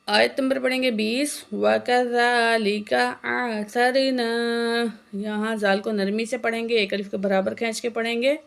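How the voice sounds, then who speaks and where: A woman teaching Quran reading, spelling out letters and vowel marks, then reciting each word slowly, with quick explanations and frequent checks on the learner. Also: fairly high pitch, fairly even intonation, creaky.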